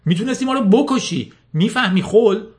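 A man voicing an angry middle-aged father who shouts at another driver after a car crash, in a storybook reading. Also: fairly high pitch, lively intonation, pitched above the performer's own voice. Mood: furious. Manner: commanding, furious.

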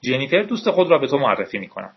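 A man voicing a shy, awkward teenage boy in a quiet, hesitant way, close to his own husky voice. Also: medium pitch, very animated. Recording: dull lo-fi recording.

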